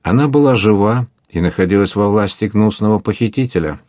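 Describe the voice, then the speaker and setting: A man voicing a gentle, helpless elderly monk in an adventure audiobook, speaking in a hushed, sorrowful way. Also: lowish voice, brisk, dry recording, studio quality, lightly acted.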